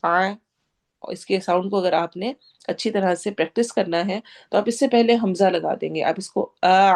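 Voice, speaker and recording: A woman with a Pakistani Urdu accent teaching tajweed, going word by word and slowly drawing out each recited word. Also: mid-range voice, a little mellow. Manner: explains pronunciation patiently, drawing out recited words slowly; mixes English words into Urdu explanations.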